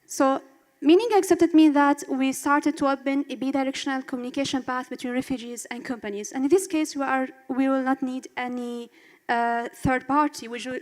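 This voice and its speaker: High-voiced woman demoing an app. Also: fairly even intonation, fairly quick, long reverb tail. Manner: walks through steps, filler uhs. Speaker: student presenting her app. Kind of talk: demo presentation.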